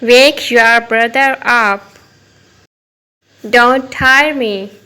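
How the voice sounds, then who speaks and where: A woman teaching simple English phrases to children, saying each one slowly and clearly twice. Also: fairly high pitch, sharp tone, low-quality recording. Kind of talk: repeating phrases for learners.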